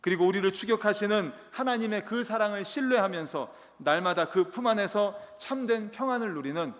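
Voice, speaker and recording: A male pastor preaching earnestly from the pulpit of a church sanctuary. He has a fairly high voice, poses rhetorical questions and tells light, humorous stories. Each phrase trails off in a long reverb from the hall. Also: fairly quick, fairly bright tone. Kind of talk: sermon.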